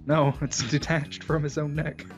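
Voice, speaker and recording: A man playing through a game with a friend, laid-back and quick to laugh, heard over choppy internet call audio that keeps cutting out. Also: a little high, flat delivery, faint music behind. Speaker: player in a let's play, voicing game characters. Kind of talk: casual let's play chat over a call. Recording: dull, lo-fi online call audio.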